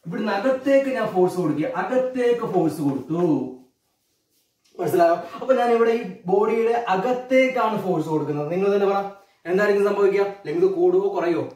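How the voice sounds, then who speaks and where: A man with a Malayali accent gives a physics lesson in a fairly high voice. He keeps checking on his students with questions and repeats the key terms slowly. His voice comes from a little way off the mic in an echoey room. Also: darkish tone, recorded from a distance. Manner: keeps asking students questions, calls them children. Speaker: physics teacher. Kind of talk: classroom lecture.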